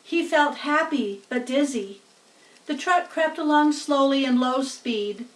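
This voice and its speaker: A woman with a high voice reads a storybook slowly, narrating aloud and dropping in casual explanatory asides. The home recording sounds roomy and distant.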